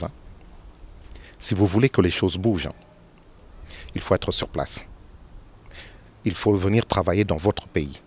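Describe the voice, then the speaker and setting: A man in his fifties from Congo, answering interview questions with many pauses and fillers, rising emphatically on key points. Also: sits low, darkish tone, breathy edge. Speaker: interview guest, politician.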